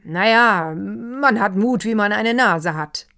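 A woman's voice: medium pitch, slow pace, pushed and bright, voice pushed up. A woman reading an audiobook, voicing a dry, offhand young nobleman.

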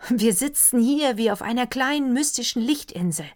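A woman reading an audiobook, voicing an excitable, effusive middle-aged male doctor. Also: fairly high pitch, normal speed, pitched above the performer's own voice, close to an everyday voice. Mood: rapturous. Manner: effusive, exclamatory.

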